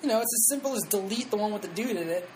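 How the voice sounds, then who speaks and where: Teasing, profane young host. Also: male voice, high voice, animated, very fast, background noise. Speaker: podcast host. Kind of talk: casual chat.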